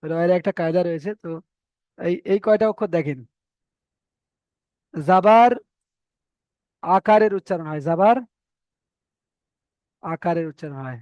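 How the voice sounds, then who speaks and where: A man's voice: fairly high pitch, quick pace, darkish tone, no room sound, muffled recording. A man teaching Arabic letter pronunciation in an online lesson, patiently drilling and correcting students. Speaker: Quran reading teacher.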